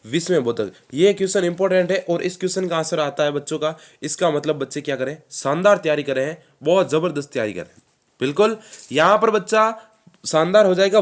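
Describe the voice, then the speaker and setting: A man with a fairly high voice leads a lively online exam-prep class. He quizzes his students and answers his own questions in a quick call-and-response rhythm, heaping praise on them as he goes. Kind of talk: live online quiz class.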